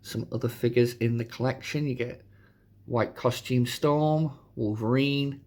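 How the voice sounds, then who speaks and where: A man hosting a casual, chatty toy review, his voice hoarse from a sore throat. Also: mid-range voice, steady tone, measured pace, a little mellow. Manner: informal, chatty. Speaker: host of a toy review channel.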